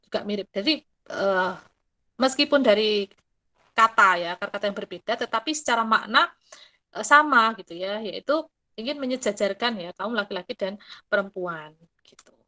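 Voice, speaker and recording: A middle-aged woman explaining ideas in casual talk, animated and mixing in quick acted quotes. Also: medium pitch. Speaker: guest speaker.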